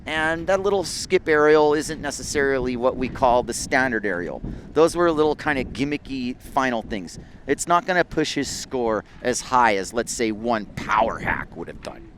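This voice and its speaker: A man's voice: mid-range voice, animated, normal speed, a bit bright, a little hiss or hum. A man giving live surf competition commentary in a laid-back, conversational surfer-announcer way.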